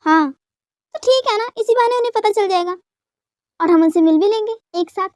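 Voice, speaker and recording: A woman's voice: very high voice, normal speed, no room sound, clean studio sound. A woman voicing V, a pleading boyish husband. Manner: coaxing, soft begging. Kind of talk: dubbed fan story, all voices by one reader.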